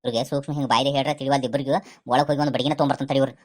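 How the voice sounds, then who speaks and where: A woman's voice: rumbling low, steady tone, very fast, darkish tone. A woman with a North Karnataka accent playing an exasperated, henpecked husband in a comedy skit, grumbling and threatening. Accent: North Karnataka Kannada.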